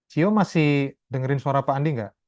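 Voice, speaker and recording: A man lecturing a class over a video call, explaining step by step in a chatty way and often tagging his sentences with quick checks. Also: mid-range voice, darkish tone, no echo. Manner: chatty, explanatory, keeps adding tag questions. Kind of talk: online class talk.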